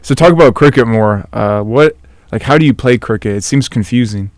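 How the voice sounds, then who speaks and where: A young man hosting a casual interview podcast, asking relaxed questions full of "uh"s. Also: medium pitch, a little fast, no room sound, clean studio sound. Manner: relaxed, filler-heavy questions. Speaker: podcast host.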